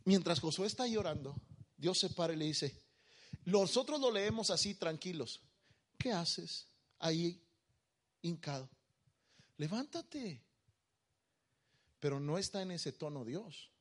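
Impassioned male preacher, fairly high voice. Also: expressive, moderate pace. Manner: passionate preaching, leading the congregation in call-and-response; swings between quiet intimate speech and loud emphatic declaration. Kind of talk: live sermon to a congregation.

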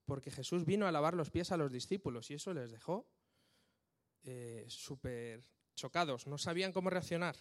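A man's voice: a little high, expressive, moderate pace. A man preaching a casual sermon, reading scripture and often checking in with his listeners.

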